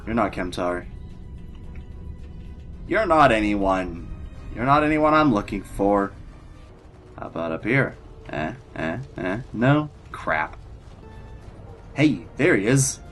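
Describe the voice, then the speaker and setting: A man's voice: on the low side, sing-song, slow, pauses often, fairly bright tone, faint music behind. A man giving casual gameplay commentary, sarcastic and grumbling as he talks back to the characters. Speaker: gamer doing a playthrough.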